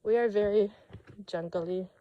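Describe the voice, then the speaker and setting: A woman's voice: medium pitch, a little slow, highs cut off, slight background noise. A young woman vlogger chatting casually while walking a forest trail, rambling with self-mocking asides. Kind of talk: casual chat while hiking.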